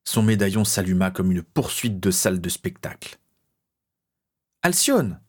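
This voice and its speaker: A man's voice: low-pitched, level tone, normal speed. A man voicing a young male hero in an audiobook, urgent and defiant, crying out in short bursts. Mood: desperate. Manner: urgent, shouted outbursts. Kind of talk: audiobook character voice.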